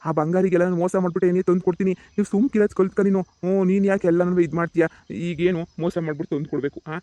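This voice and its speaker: A man plays a harried village husband in a cartoon comedy, placating and grumbling to himself. He talks fast in a slightly raised voice. The recording is dry and close. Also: high voice, steady tone, mellow, dry recording, lightly acted. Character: harried middle-aged village husband caught between women.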